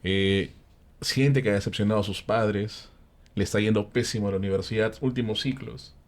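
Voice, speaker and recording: A Peruvian man with a somewhat low voice narrates a ghost story in a casual panel chat. He is an animated storyteller who acts out the characters' lines, and he often uses fillers and tag questions. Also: normal speed. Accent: Peruvian Spanish. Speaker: panel guest telling ghost stories.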